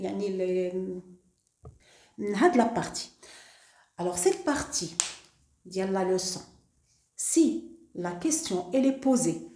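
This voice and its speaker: A woman's voice: on the high side, mellow, reverberant. A woman teacher with a Moroccan accent explaining French grammar to pupils, switching into Moroccan Arabic and often checking in with the class. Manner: hesitant, many fillers and restarts.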